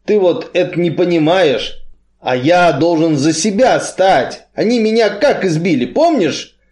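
A man voicing a big, heavy, gloomy strongman who talks bluntly in a muffled, slow way. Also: sits high, animated, darkish tone, pitched above the performer's own voice. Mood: grim.

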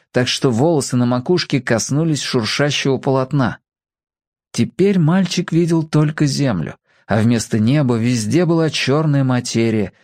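Expressive man reading a story. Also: medium pitch, dry recording, clean studio sound. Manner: expressive, voices the characters. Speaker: reader of a children's story.

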